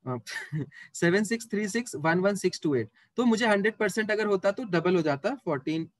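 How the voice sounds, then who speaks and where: High-voiced chatty math teacher. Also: male voice, expressive, moderate pace, dry recording. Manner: chatty, teasing students while working sums aloud. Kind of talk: live online class.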